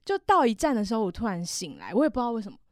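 A woman tells a story in a casual chat, animated and full of fillers and laughter. Her voice sits a little high and swings widely in pitch. The sound is dry and close, with no room echo. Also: very fast.

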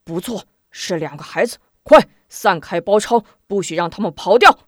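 A woman voicing a brutal male army general who barks loud commands. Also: on the low side, very animated, slow pace, no echo, clean studio sound, exaggerated voice. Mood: bellowing.

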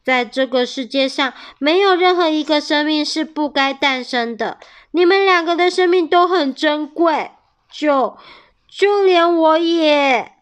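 A woman voicing a big, gruff male tyrannosaurus who is fierce but protective, speaking sternly in a storybook reading. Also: high-pitched, unhurried, pitched above the performer's own voice. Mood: earnest.

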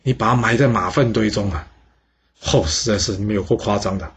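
A man's voice: on the low side, a little fast, slightly rough. A man with a Taiwanese Mandarin accent voicing a blunt, brash nobleman who speaks with open disbelief. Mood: incredulous. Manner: brash, incredulous. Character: blunt outspoken younger brother of a murdered man. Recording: dull lo-fi sound.

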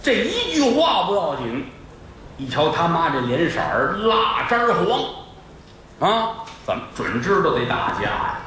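A middle-aged man narrating a comic folk tale, his pitch leaping and dropping all the time. His voice sits a little high for a man. The very echoey hall and distant mic add faint room noise. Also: a little slow. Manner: animated, playful asides. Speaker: storyteller. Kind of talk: comic traditional storytelling.

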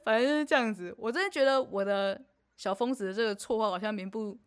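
A young woman, co-hosting a podcast and telling a story in casual chat, animated and laughing often. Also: medium pitch, fast talker. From Taiwan. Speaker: podcast co-host.

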